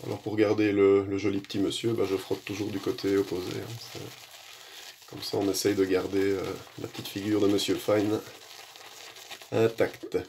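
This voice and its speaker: Homme à la voix grave et rocailleuse. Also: male voice, fairly low pitch, little pitch movement, moderate pace, gravelly, darkish tone, a little hiss or hum. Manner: rambling, many fillers, self-deprecating asides. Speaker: shaving vlogger. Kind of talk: casual how-to commentary.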